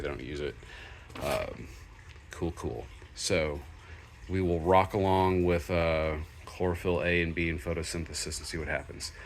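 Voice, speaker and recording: A man with a low voice talks through a casual first look at a product, filmed on a handheld camera in a room at home. He rambles in an easygoing way, with plenty of fillers and self-corrections. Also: slight background noise. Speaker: hobbyist fish keeper. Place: home room with fish tubs under a shelf.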